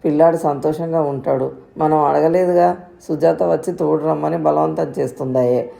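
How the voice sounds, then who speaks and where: A woman's voice: low-pitched, fairly even intonation, normal speed, creaky, dark tone. A woman voicing an elderly grandmother in a storybook reading, fretful and commanding. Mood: worried.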